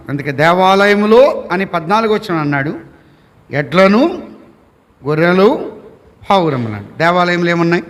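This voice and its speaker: A man's voice: high voice, fairly bright tone, long reverb tail. A male pastor preaching a sermon with a Telugu accent, posing rhetorical questions and building repeated lists.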